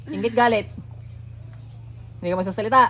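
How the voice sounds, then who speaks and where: Captured in a noisy room, a man acting as a faith healer runs a healing ritual, sternly taunting and interrogating the spirits he commands. His high-pitched voice is fairly quick, bright and forceful.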